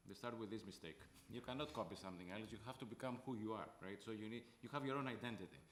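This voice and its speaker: A man's voice: lowish voice, fast talker, a bit bright. Man from greece, panel discussion, earnest repetition, roomy echo, faint hum. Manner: earnest, repeats points for emphasis.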